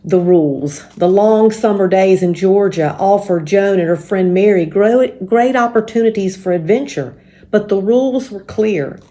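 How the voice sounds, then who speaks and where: With a mellow, medium-pitched voice, a woman hosts church story time, presenting a children's book and then reading it in a careful, explanatory manner.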